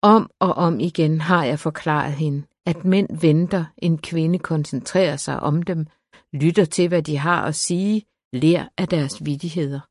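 A woman narrator voicing a stern aristocratic countess, a sharp-tongued but caring mother who reproves. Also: deep voice, fairly even intonation, no room sound, clean studio sound.

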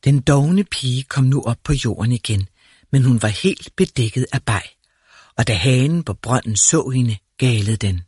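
A man reads a fairy tale aloud in a calm, measured way. His voice is slightly husky and sits at a middle pitch. The recording sounds close and dry. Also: dry recording. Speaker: narrator.

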